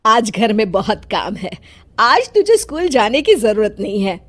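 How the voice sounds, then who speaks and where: A woman voicing a haughty, bossy old grandmother in an animated family drama. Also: fairly high pitch, full character voice. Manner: bossy, dismissive, drawn-out delivery. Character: scolding, haughty old grandmother who favours her grandson.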